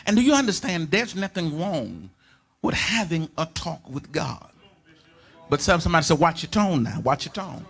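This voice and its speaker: A male pastor, preaching a sermon in a church in a sing-song cadence that builds into shouted, chanted lines, repeating phrases for the congregation to answer. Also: a little high, very animated, moderate pace, slightly rough. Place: church sanctuary.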